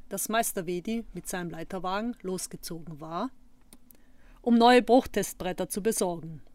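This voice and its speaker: A woman narrating a children's storybook in a measured, gentle reading voice. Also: mid-range voice, no room sound.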